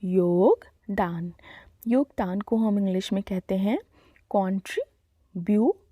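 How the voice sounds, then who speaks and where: A woman teaching a vocabulary lesson, speaking slowly and deliberately and spelling each word letter by letter. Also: medium pitch, dark tone, no room sound, clean studio sound. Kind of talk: Hindi-to-English vocabulary lesson.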